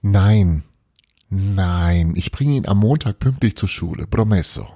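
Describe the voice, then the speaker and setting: A man's voice: low voice, animated, unhurried, dark tone, no echo, clean studio sound, full character voice. A man voicing a scheming, flighty old witch mother who drops Italian words into her teasing talk.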